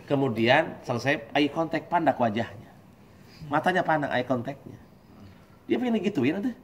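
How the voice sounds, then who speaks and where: A man giving a lively, joking religious study talk, acting out husband and wife voices. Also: a little high, normal speed. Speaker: preacher.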